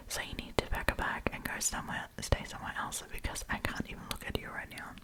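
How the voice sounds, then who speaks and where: In a rough recording, a female ASMR host whispers breathily without voicing. She reads stories aloud and chimes in with casual, opinion-heavy chatter.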